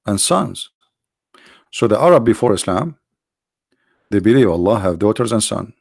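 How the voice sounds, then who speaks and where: Gravelly, tired-voiced man lecturing. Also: mid-range voice, a little mellow, no room sound, clean studio sound. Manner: emphatic, rhetorical questions, halting restarts. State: tired, strained voice. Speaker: religious apologist. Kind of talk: lecture on scripture.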